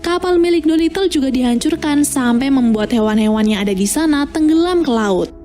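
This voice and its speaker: A woman's voice: high-pitched, fairly quick, warm tone, faint music behind. A woman narrating a film plot recap as scripted storytelling.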